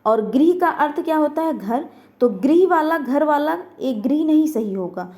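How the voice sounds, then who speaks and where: A woman's voice: sits high, expressive, a little slow, warm tone. A woman teaching an online grammar lesson, asking questions and answering them herself, repeating each word.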